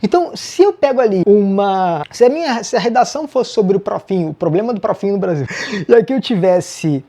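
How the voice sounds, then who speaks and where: A man with a Brazilian Portuguese accent, giving a casual online essay-writing lesson. He is brisk and self-mocking, and he talks straight to his students. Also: high-pitched, expressive, mellow.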